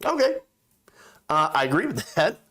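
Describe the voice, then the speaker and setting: A man's voice: fairly high pitch, sing-song, normal speed, fairly bright tone. A man giving indignant, opinionated political commentary as a host, stressing and repeating words for emphasis.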